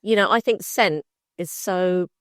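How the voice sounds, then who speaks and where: A middle-aged woman co-hosting a podcast, chatting warmly and steering the talk with questions. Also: fairly low pitch, measured pace, no room sound, clean studio sound. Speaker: podcast co-host. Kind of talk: casual chat.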